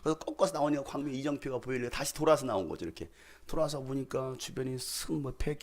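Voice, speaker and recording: A man's voice: medium pitch, fast talker. A middle-aged man preaching a sermon as a pastor, telling humorous anecdotes and acting out dialogue. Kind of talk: sermon with storytelling.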